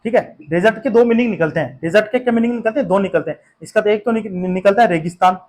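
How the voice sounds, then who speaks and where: High-voiced and fast-talking, with a darkish tone, a man teaches English words for an exam in an Indian English accent. His explanations are patient and repetitive, peppered with fillers and questions to check understanding.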